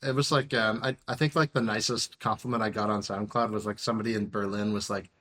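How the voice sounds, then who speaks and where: A man in his thirties talks as a podcast guest in an easygoing, wandering way. His voice sits on the lower side. He fills every pause with "um" and "like". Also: fairly even intonation, fairly bright tone. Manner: rambling, many fillers like "um" and "like". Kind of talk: casual interview chat.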